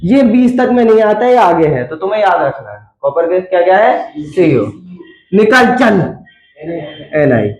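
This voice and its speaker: High-voiced man teaching in echoey classroom. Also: big pitch swings, unhurried, lo-fi sound. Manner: chatty, coaxing, quizzes students. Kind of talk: classroom lecture.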